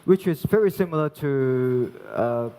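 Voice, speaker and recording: A young Hong Kong chef gives a live cooking demonstration, explaining each step haltingly with many restarts. His voice is mid-range, mellow, and lively in intonation, and the large hall lends a long reverb.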